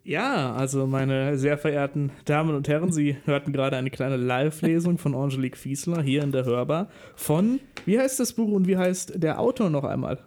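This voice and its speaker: A man hosting a radio show in the studio, joking playfully and stammering when he gets excited. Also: a little high, moderate pace, few pauses. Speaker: radio host. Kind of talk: casual radio chat.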